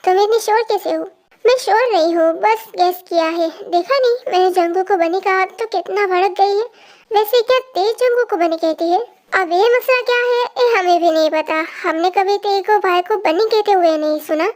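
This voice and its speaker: A storyteller reading a fan story aloud and voicing every character's lines in a lively way, switching quickly from one to the next. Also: very high-pitched.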